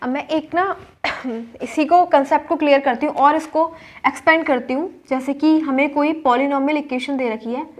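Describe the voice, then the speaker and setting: A woman's voice: high voice, steady tone, normal speed. A young woman teaching a math lesson step by step, checking in often with her students and mixing English terms into her sentences. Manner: explains step by step, repeats checks with "ठीक है", mixes English terms into Hindi. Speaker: maths teacher.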